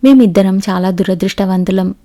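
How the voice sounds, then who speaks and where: A woman reading a young doctor husband's lines in an audiobook, in a mellow voice. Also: mid-range voice, moderate pace, close to an everyday voice.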